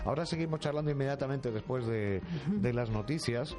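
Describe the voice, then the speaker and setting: A man's voice: medium pitch, fairly quick, music in the background. A man with a Spain accent hosting a casual live chat, playful and often repeating words as he stumbles along. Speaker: show host.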